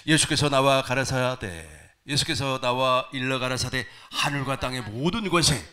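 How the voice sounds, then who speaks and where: Bright-voiced male pastor preaching. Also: medium pitch, moderate pace. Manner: animated, asks the congregation questions. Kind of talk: sermon. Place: church sanctuary.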